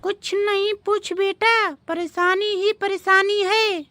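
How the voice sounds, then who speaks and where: A woman voicing a nagging, scheming old mother-in-law in a homemade comedy skit, scolding and shrill. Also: steady tone, slow pace. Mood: complaining. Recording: noisy home recording.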